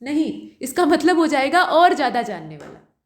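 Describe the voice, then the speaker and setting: A woman with a high voice works patiently through exam questions as a tutor, stopping now and then to ask the listener a question. The sound is roomy, with a clear echo around her. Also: sing-song, moderate pace. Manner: patient, explanatory, asks rhetorical questions. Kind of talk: explaining test questions.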